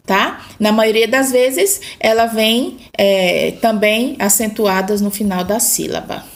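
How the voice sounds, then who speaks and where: A woman with a Brazilian Portuguese accent teaching a grammar lesson to children, patiently repeating points and checking in with "tá?". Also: a little high.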